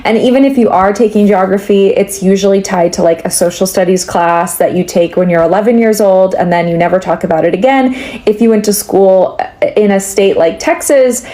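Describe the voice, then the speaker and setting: Brief: American woman, mellow warm voice, reflective explainer. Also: medium pitch, brisk. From United States. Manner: thoughtful, explanatory, with many fillers. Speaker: commentator. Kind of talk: explanatory social media video.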